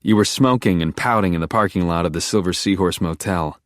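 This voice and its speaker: A man with a very low, deep voice reads a first-person audiobook. His delivery is intense and brooding, like a private monologue. The recording is close and completely dry. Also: brisk, dry recording. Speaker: audiobook narrator.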